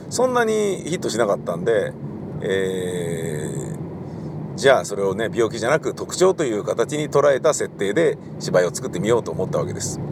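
A middle-aged man, a radio host and theatre director, talks casually while driving, rambling with many fillers in a polite explaining tone. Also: mid-range voice. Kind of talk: casual solo talk recorded while driving. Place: in a car in city traffic. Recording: car and street noise behind.

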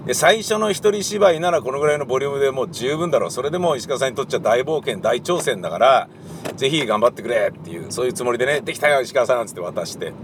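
A man speaks alone in a casual, meandering monologue about his playwriting. His pitch sits mid-range but swings widely, and he often breaks into little performances of what others said. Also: racing, background noise. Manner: rambling, animated, slips into quoted voices. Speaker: playwright and director.

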